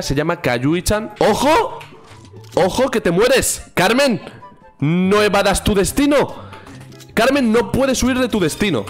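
A man with a Spain Spanish accent, giving excitable, teasing gameplay commentary at home. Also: sits high. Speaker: gaming YouTuber.

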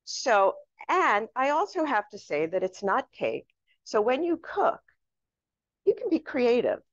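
Hosting a casual cooking demonstration, a woman explains each step in a chatty, instructive way. Her voice is on the high side with huge pitch swings, yet her pace stays measured. The room is echoey and the sound dull and lo-fi.

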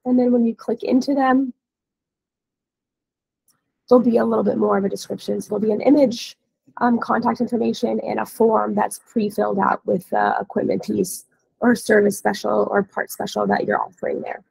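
In her thirties, this female dealer-support trainer leads an informal software walkthrough by webinar, her voice scratchy and heavily creaky from a cold. Her pitch stays even and her pace moderate as she explains casually. The headset sound is close with no echo, recorded indoors on a video call.

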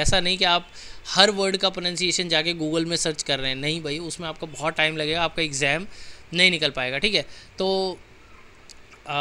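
Indian male tutor, young, very bright tone, slightly high, mixes quick chat with slow dictation of notes. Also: clean tone. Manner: switches between fast casual explaining and slow dictation-style reading of notes. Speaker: exam-prep teacher. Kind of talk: online exam-prep lecture.

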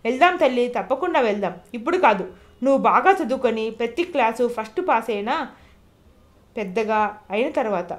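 A woman narrator voicing a gentle young father who softly reassures his little daughter in an audio novel. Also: a little high, expressive, fairly quick, lightly acted. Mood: tender.

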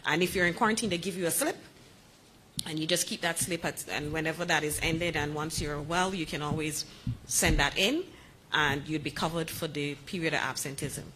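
Low-pitched woman explaining. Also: normal speed, bright, forceful tone, a little hiss or hum. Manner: informal, repeats herself. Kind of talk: press conference answers.

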